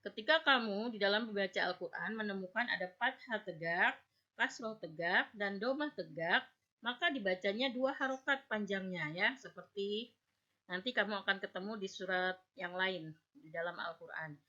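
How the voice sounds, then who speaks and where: A woman teacher giving a patient lesson on recitation, slowly drawing out example words and checking in with her students. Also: mid-range voice, bright, forceful tone. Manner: checks understanding with "ya" and "oke". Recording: dull lo-fi recording.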